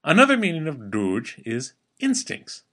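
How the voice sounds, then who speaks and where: Man, podcast language teacher, animated intonation, wry and playful, careful when modeling sounds. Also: a little high. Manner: slows down to spell out and model pronunciation. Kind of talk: scripted podcast lesson.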